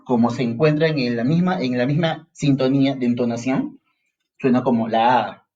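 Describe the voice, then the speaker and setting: A man's voice: mid-range voice, moderate pace, dull audio. A man with a Peruvian accent teaching a grammar lesson for entrance exams, speaking straight to the student and sometimes acting out the student's questions. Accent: Peruvian Spanish. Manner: lively, talks straight to the student, acts out student questions. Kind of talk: exam-prep grammar lesson.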